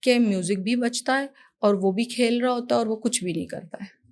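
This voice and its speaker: Animated middle-aged woman educator, higher voice. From Pakistan. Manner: animated, mixes in English phrases, calls the host "son". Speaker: education professional, guest. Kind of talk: casual interview conversation.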